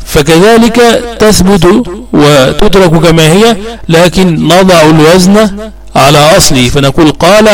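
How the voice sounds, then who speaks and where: A man's voice: on the high side, poor audio. A man teaching a grammar lesson, patiently asking and answering his own questions and repeating the key points.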